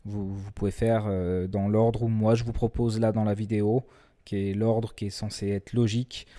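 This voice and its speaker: A man presenting a screen-recorded software tutorial in a relaxed, chatty way, often hesitating and restarting his sentences. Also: lowish voice, normal speed. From France. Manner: self-deprecating humor.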